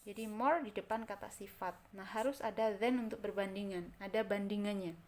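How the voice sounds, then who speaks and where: A woman's voice: mid-range voice, darkish tone. A woman with an Indonesian accent teaching English grammar. She repeats example words and keeps checking that her listeners follow. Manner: repeats example words slowly, checks understanding with "kan?" and "oke?". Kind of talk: explaining grammar in a recorded lesson.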